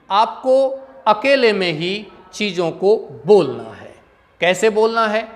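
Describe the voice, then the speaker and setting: A man gives a slow, unhurried English lesson, pausing over each point and quizzing his students with repeated questions. His voice rings with a long echo, as if he is recording in a bare hall. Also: sits high, fairly bright tone. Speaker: English teacher.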